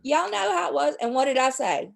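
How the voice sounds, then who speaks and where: A woman's voice: high-pitched, expressive, brisk, vocal fry. A woman hosting a livestream, talking in a heated, profane, rambling way, stuffy with a cold and a sore throat. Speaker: livestream host. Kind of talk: casual chat and angry rant.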